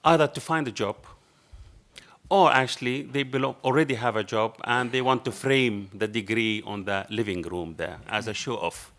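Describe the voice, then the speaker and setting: A middle-aged man with a strong Arabic accent tells a story from a panel table in a dark lecture hall, playing both sides of a conversation. His mid-range voice is slightly bright and moves at a normal speed, and his passionate delivery carries non-native phrasing. It is an anecdotal public talk picked up by a table microphone.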